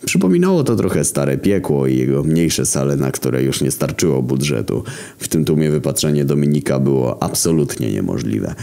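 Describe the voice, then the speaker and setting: A man with an extremely deep, gravelly voice narrates a crude first-person tale. His delivery is sardonic and swings lively in pitch, with a dark, heavy tone. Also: moderate pace. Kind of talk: first-person comedy horror storytelling.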